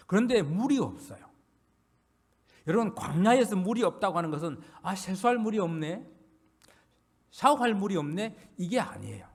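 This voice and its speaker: Animated Korean pastor preaching a sermon. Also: male voice. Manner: earnest preaching with rising emphasis and trailing low endings. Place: church sanctuary.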